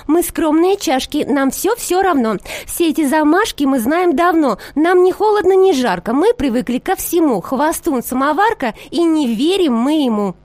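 A woman's voice: high-pitched, expressive, normal speed, hardly any pauses, darkish tone, no room sound, pitched above the performer's own voice. A woman voicing a chorus of modest teacups who rattle and grumble. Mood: grumbling. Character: modest cups, weary chorus.

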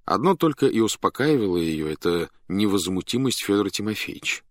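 A man reading a story aloud as narrator, in an animated, dramatic manner that speeds up and slows down. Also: lowish voice, dry recording, clean studio sound.

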